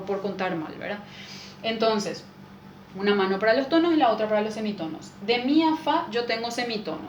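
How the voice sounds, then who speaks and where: A woman, a music teacher patiently explaining a lesson and checking in with rhetorical questions. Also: mid-range voice. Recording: echoey room with faint noise.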